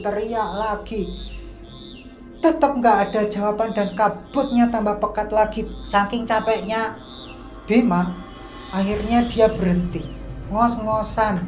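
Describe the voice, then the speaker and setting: Chatty woman telling a spooky tale. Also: medium pitch. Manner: chatty, uses sound effects and slang. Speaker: storyteller. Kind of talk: casual spoken horror storytelling. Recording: echoey room, faint music.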